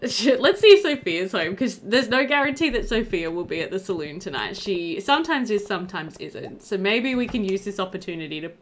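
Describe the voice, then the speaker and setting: Very animated and brisk, she barely pauses, her medium-pitched voice filling a casual let's play recorded indoors at home. The gaming video host is in her thirties, thinking aloud and addressing the game characters as game music plays.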